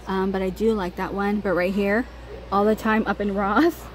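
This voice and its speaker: This is a female American vlogger giving a relaxed shopping tour inside a large store, recorded on her handheld phone or camera with clear background store noise. She speaks at a medium pitch, steady and moderately paced, though the audio is poor.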